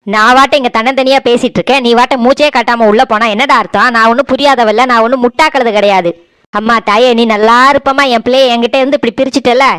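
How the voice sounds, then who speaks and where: A woman's voice: a little high, a bit bright, clean tone, dry recording, natural voice. A woman with a Tirunelveli Tamil accent voicing a domineering, scolding older mother-in-law in a cartoon. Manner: scolding, accusing, self-pitying. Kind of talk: cartoon voice acting.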